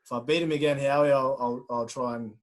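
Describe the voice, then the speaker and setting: A man's voice: medium pitch, fairly even intonation, fast talker. An Australian man co-hosting a podcast, joking and playful in casual chat. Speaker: podcast co-host, former footballer.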